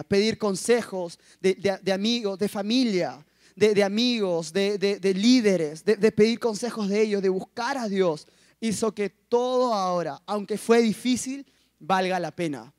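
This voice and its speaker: A young man in his twenties giving an emotional personal testimony at a school assembly, telling his story with animated, acted-out quotes. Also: high voice, no room sound, clean studio sound. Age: 20s. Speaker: youth speaker.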